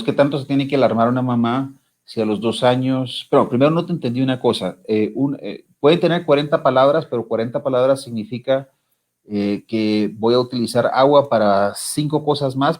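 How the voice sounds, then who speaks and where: A man's voice: medium pitch, a little fast, darkish tone. A man hosting an interview, asking long, hesitant questions full of fillers. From Guatemala. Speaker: interviewer host.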